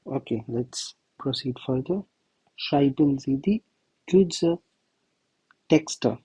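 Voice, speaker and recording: Non-native male tutor, slow deliberate delivery, dry recording. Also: mid-range voice, lively intonation, mellow, breathy edge, no echo, low-quality recording. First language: not German. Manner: slow, thinking aloud while writing answers. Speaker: language tutor. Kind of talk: self-study lesson walkthrough.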